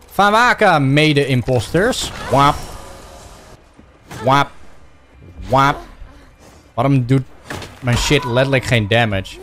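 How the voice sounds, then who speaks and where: A young man with a Dutch accent giving excitable gameplay commentary, shouting and yelping playfully as he plays. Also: slow pace, pauses often, soft background music. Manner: shouty, playful, bursts into silly high yelps. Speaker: gaming YouTuber.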